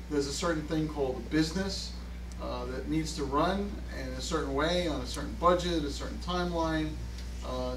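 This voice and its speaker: Casual Q&A speaker: male, Brooklyn accent, higher-pitched, joking and plain-spoken, distant mic in a noisy room. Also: echoey room. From Brooklyn, New York. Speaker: pinball company executive answering audience questions. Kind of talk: casual Q&A talk to a live audience. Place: crowded room at an arcade expo.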